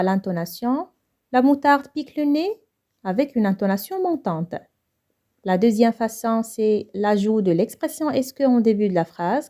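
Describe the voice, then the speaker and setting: A woman with a Moroccan accent teaching a French grammar lesson, going over each point slowly in French and then quickly again in Moroccan Arabic. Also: on the high side, mellow. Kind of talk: grammar lesson explaining exercises.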